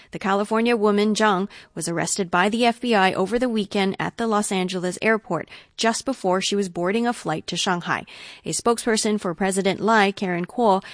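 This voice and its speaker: A woman correspondent filing a radio news report in a crisp, even way. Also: mid-range voice, no room sound, studio quality.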